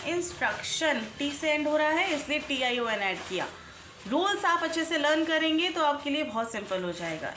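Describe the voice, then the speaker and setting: A woman teaching English spelling rules, talking slowly and deliberately, spelling words out letter by letter and asking her learners questions. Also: high voice, pushed and bright. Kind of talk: online lesson in Hindi-English mix. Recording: echoey room, faint background noise.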